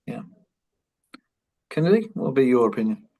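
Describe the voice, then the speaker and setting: A man moderates a panel over a video call at a middling pitch. He talks in a relaxed, conversational way, agreeing with his guests and passing the floor along. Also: normal speed. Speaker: host and moderator.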